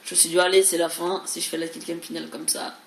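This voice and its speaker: Speaking fast in a flat, lowish voice, this gaming video creator rambles casually over her gameplay, tripping over and repeating words and letting out some mild swearing. Her audio is echoey and the background is clearly noisy.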